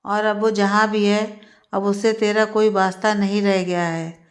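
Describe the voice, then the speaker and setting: A woman's voice: mid-range voice, little pitch movement, measured pace, natural voice. A woman voicing a stern, reproachful middle-aged mother in a spoken Hindi storybook, repeating her claims insistently.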